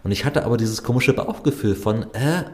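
A man talking in a relaxed, reflective way about his travels, often pausing with hesitations. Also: medium pitch. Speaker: guest, traveler. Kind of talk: casual conversation.

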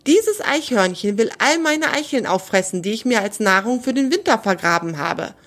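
A woman voicing a proud, loud female jay bird in a children's storybook reading. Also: a little high, moderate pace, exaggerated voice. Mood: agitated. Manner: loud and excited.

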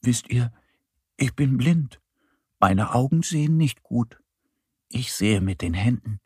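A man's voice: mid-range voice, lively intonation, slow pace, dark tone, slightly rough, no room sound, clean studio sound, full character voice. A man voicing a timid little blind mole in a children's audio story, whiny and fretful. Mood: gentle.

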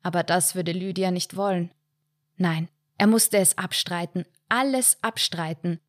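A woman's voice: on the low side, steady tone, dry recording, clean studio sound. Woman narrating a short story. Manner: measured, storytelling. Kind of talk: audiobook short story reading.

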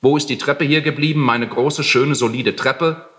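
An old landlord, indignant and blustering, who hammers out his complaints, as a man voices him in a literary reading. He mostly drags his words out slowly and with heavy weight, with a voice full of movement. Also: mid-range voice, expressive, fairly bright tone, long reverb tail. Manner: scolding, blustering.

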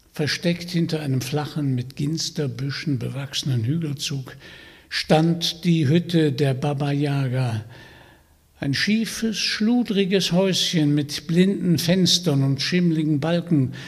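A man reading a fairy tale aloud, in a slow and expressive storytelling manner. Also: fairly high pitch, creaky, slightly rough. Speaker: narrator. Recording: long hall reverb.

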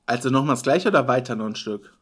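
A man's voice: mid-range voice, animated, fast talker, fairly bright tone. A young man co-hosting a podcast, reading song lyrics aloud and making dry jokes in casual banter. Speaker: podcast co-host.

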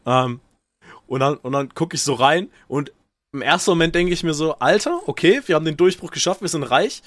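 A man's voice: on the high side, expressive, a little fast, fairly bright tone, dry recording, studio quality. A young man co-hosting a casual podcast, rambling and stumbling over words. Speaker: podcast co-host. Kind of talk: casual chat.

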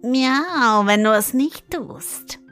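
A woman's voice: sits high, extremely slow, a bit bright, heavily acted. A clever, scheming cat, put on by a woman reading a fairy tale, who purrs out a meow before she speaks. She takes her time over every word. Faint music plays underneath. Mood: insistent. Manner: starts lines with a meow.

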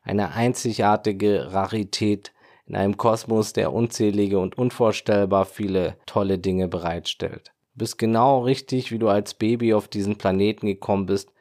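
A man hosting a motivational podcast as a life coach, speaking in a calm, earnest and affirming way, often in long lists. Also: on the low side, moderate pace. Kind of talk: scripted motivational podcast monologue.

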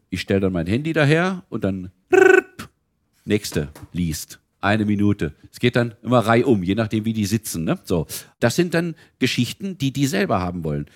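Older man, a lively storyteller. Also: lowish voice. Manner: animated storyteller, slips into character voices. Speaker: volunteer reader for children. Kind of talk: casual interview talk.

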